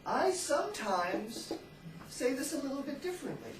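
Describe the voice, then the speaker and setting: A man from Texas with a Southern American accent, teaching a class and explaining slowly, with lots of repetition. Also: very high-pitched. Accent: Southern American, Texan. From Texas, southern United States. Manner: animated, explains slowly and repeats words for the class. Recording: echoey classroom from far off with faint noise.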